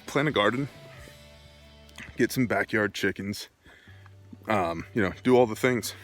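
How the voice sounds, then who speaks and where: A middle-aged man with a low voice speaks off the cuff like a homesteading vlogger and keen gun enthusiast. He takes his time, laying out points in short, emphatic phrases. Faint music sits behind him. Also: a bit bright. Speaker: homesteading and preparedness video host. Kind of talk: casual off-the-cuff vlog talk to viewers. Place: outdoors, walking on own rural land.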